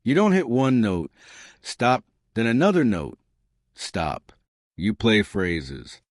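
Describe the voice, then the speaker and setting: A man giving scripted English lessons in short, emphatic, measured phrases. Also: fairly low pitch, wildly swooping pitch, no room sound, clean studio sound. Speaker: English pronunciation teacher. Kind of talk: scripted instructional narration.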